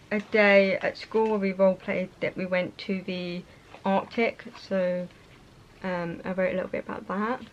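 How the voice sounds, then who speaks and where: A young British woman chatting casually and a little hesitantly as she shows things to viewers in a vlog. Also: mid-range voice. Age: young adult. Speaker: vlogger. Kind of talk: casual show-and-tell chat. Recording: muffled sound with faint noise.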